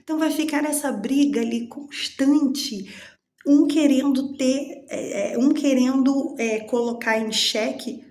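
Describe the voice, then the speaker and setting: A woman's voice: high voice, unhurried, a little mellow, reverberant. A woman hosting her own channel, sharing personal reflections in a candid, chatty way and acting out her inner dialogues. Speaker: channel host.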